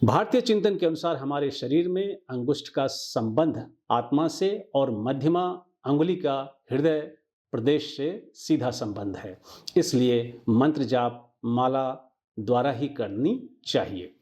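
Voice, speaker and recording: Male narrator, formal scripted read, measured and even, mid-pitched. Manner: formal, measured, reading a prepared text.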